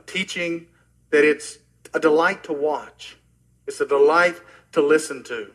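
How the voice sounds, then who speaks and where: A middle-aged pastor from Oklahoma, US, preaches a sermon in an earnest, personal way, his voice often dropping soft and low as phrases end. The recording is rough.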